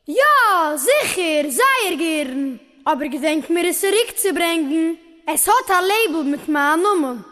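A woman voicing a polite, helpful young camp girl who speaks in a measured way. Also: extremely high pitch, expressive, fairly bright tone, big-room sound, heavily acted.

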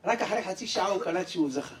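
A man performing stand-up comedy, telling an animated story and jumping between voices. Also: high-pitched, distant mic.

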